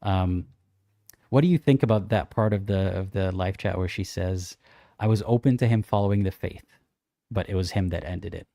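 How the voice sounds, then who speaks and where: A young man co-hosting a casual livestream chat, reading out viewer comments and answering them in a thoughtful, measured way. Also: low-pitched, creaky, dark tone, no room sound, clean studio sound.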